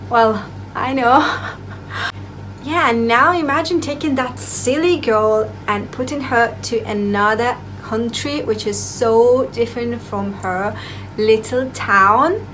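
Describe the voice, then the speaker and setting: Speaking to camera, this young Azerbaijani vlogger shares a personal story casually, poking fun at herself in non-native English. Her voice is a little high and a bit bright. The low-quality recording carries a slight hiss or hum.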